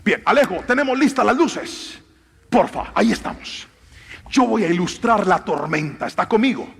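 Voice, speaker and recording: High-voiced pastor in a reverberant hall. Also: male voice, expressive, normal speed, vocal fry, a bit bright, breathy edge. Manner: theatrical, directs volunteers on stage. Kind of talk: sermon. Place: large church hall with audience. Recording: long hall reverb, faint music.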